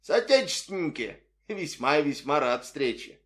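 A man voicing a haughty émigré nobleman working as a taxi driver, mannered and condescending in a raised, drawn-out voice. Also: a little high, sing-song, fairly bright tone. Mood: grand, pleased.

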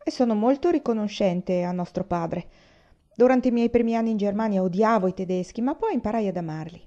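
A stern young man speaks firmly and urgently, as a woman reads him aloud in an audiobook. The voice is mellow and a bit dark. The recording sounds slightly muffled. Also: medium pitch, brisk, natural voice. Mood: earnest. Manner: firm, urgent, commanding. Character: stern young Chinese man returning home.

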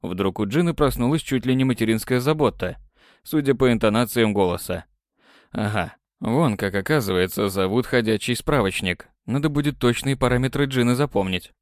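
A man's voice: mid-range voice, moderate pace, no room sound, clean studio sound. A man narrating an audiobook in a wry, mocking tone. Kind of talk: scripted narration.

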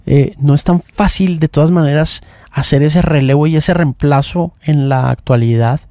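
Male radio host, mellow. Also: medium pitch, no echo. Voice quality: talks in long, reflective runs with restarts. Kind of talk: casual morning radio chat. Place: radio studio.

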